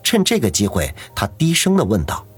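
A man narrating an audiobook novel in a steady storytelling manner. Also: lowish voice, normal speed, breathy edge, soft background music. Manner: steady storytelling, doing every character.

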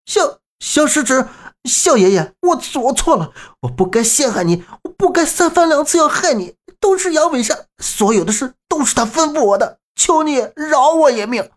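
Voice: high voice, very animated, normal speed, few pauses, pitched above the performer's own voice. A man putting on a stammering, cowardly old swordsman. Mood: pleading. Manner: stammering, pleading. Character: cowardly old male swordsman begging for mercy.

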